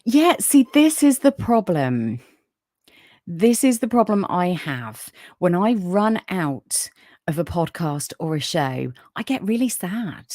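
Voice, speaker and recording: A livestream podcast host with a medium-pitched, soothing voice chats casually and warmly with her viewers, reading their comments and leaning on lots of fillers. There is no room sound, just clean studio audio.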